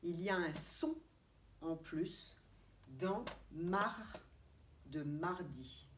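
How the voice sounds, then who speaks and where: A woman kindergarten teacher with a French accent giving a remote lesson to young children, spelling out letters and syllables slowly and clearly. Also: on the low side, expressive. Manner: slow, deliberate, stretching out syllables and letters. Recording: distant mic with faint background noise.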